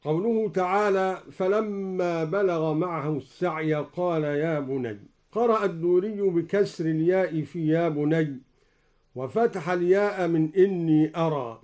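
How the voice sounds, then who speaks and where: A man's voice: a little high, measured pace, darkish tone. A man explaining variant readings on the radio, chanting each example verse after his explanation. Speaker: Quran recitation teacher.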